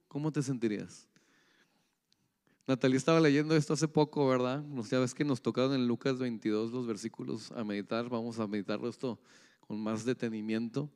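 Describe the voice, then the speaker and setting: A man's voice: mid-range voice, darkish tone, clean tone. A pastor delivering a conversational sermon, often asking his congregation questions. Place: church hall. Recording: echoey church hall.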